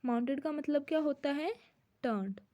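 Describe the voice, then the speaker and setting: A young woman explaining a story as a teacher, repeating word meanings and reading English lines slowly before explaining them. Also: high voice, dull audio.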